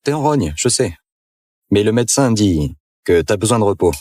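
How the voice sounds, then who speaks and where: An actor voicing a protective young husband in a dubbed drama, speaking with calm, soothing reassurance. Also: male voice, lowish voice, normal speed.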